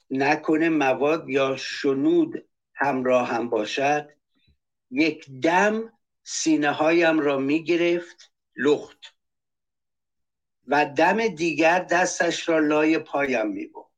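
A man speaking on a political talk show, reading testimonies aloud and denouncing with anger. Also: fairly high pitch. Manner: impassioned, reads testimonies aloud; angry, denouncing. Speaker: panelist.

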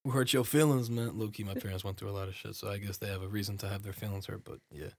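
Young guy on a podcast, quick slangy talk, cusses a lot, dry close sound. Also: fairly low pitch, monotone, vocal fry, darkish tone, dry recording. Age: young adult. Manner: laid-back slangy talk, swears a lot. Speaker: podcast guest. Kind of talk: casual chat.

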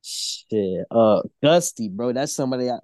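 Male music artist as podcast guest: mellow, dry close sound, slangy casual storytelling, swears constantly. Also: medium pitch, expressive, normal speed, dry recording. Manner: says "bro" constantly.

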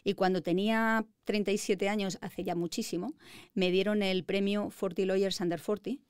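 A woman's voice: medium pitch, steady tone, normal speed, darkish tone, smooth, no echo, studio quality. Confident Spanish woman in her fifties. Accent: Madrid Spanish. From Spain. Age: 50s. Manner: confident, articulate storytelling. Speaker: guest, lawyer. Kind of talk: interview conversation.

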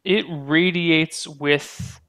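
A man narrating a tabletop game as game master, explaining things in a halting way. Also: a little high, steady tone, fairly bright tone.

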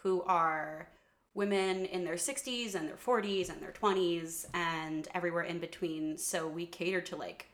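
A woman's voice: on the low side, steady tone, normal speed, a bit bright. A young woman co-hosting a podcast in casual chat, bubbly and giggly, rambling with fillers. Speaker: podcast co-host; bookstore worker.

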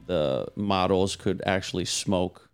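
A man speaking as a podcast guest, explaining his events in casual, measured talk, point by point. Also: deep voice, clean tone. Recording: music playing behind the voice.

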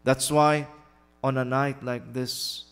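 A man's voice: mid-range voice, little pitch movement, slow, a bit bright, clear, resonant tone. A man preaching a sermon, telling a mourning story in short, repeated phrases with Arabic invocations. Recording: long hall reverb.

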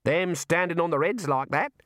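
A man voicing wry, deadpan male farmhands who drawl slowly. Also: fairly high pitch, no room sound, studio quality, voice pushed up, lightly acted. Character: dry-witted rural male shearers.

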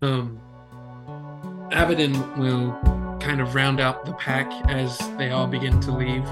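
A man player narrating his character in a measured way during a tabletop role-playing game. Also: mid-range voice, flat delivery, over loud music.

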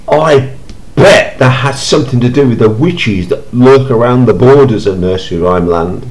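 A man playing a brisk, businesslike villager chairing a meeting. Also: medium pitch, natural voice, low-quality recording.

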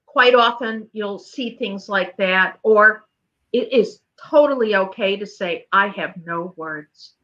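Slow, bright-voiced woman grief coach. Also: mid-range voice, dull audio. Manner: gentle, careful and reflective. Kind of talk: casual conversation.

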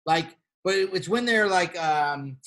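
A man's voice: high-pitched, measured pace. A man co-hosting a casual podcast, playful and loose, with lots of fillers and some swearing. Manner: playful, animated reading of gossip. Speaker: podcast co-host. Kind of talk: casual chat.

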